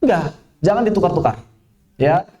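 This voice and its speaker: A man teaching Quran recitation, patiently demonstrating sounds slowly and singing examples. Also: high-pitched, expressive, mellow. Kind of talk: tajwid lesson with recited examples. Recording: echoey room.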